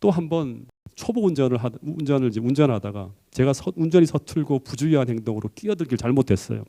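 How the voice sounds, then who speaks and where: Animated Korean pastor, man. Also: fast talker, vocal fry. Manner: animated storytelling, rising to emphatic high peaks. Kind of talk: sermon with personal story.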